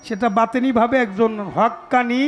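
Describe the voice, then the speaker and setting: A man's voice: very high-pitched, fairly even intonation, normal speed. A man leading a folk song debate, preaching in a rhythmic sermon-like way and breaking into song. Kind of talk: Bengali pala gaan debate, preaching and singing.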